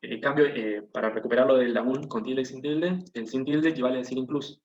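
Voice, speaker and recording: A man's voice: medium pitch, fairly even intonation, fairly quick, darkish tone. A man teaching an online class, explaining step by step and often checking in with the students. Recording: echoey, dull lo-fi video-call audio.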